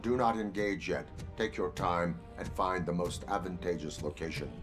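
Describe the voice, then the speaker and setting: Game role: stoic cyborg cop, male actor, deep voice, clipped formal orders, clear music behind. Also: natural voice. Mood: stoic, controlled. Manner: measured, terse, formal, deadpan. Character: RoboCop, stoic armored cyborg police officer, middle-aged man. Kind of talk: video game voice acting.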